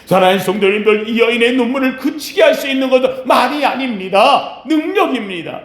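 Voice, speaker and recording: A male pastor delivering an emphatic sermon, with sharp rises and slow, low falls. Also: animated. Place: church sanctuary. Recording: echoey church sanctuary.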